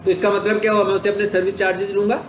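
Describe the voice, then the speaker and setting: A Pakistani-accented man gives a classroom lecture, walking through each point step by step and posing questions only to answer them himself. His voice sits fairly high for a man. The room is echoey, with a faint hiss underneath. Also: level tone, very fast. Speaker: digital marketing instructor.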